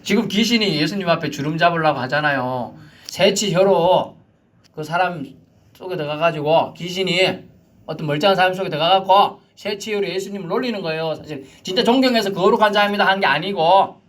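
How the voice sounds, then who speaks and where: A man preaching a sermon, swinging from loud shouted commands down to near-whispers. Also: sits high, fairly quick. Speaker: pastor.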